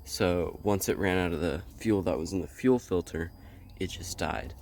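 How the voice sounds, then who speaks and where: A young man explaining his truck repair in a casual vlog, halting and full of ums, filming outdoors on a phone. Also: low voice, gravelly, darkish tone, slight background noise. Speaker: homesteading vlogger. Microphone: phone held while filming.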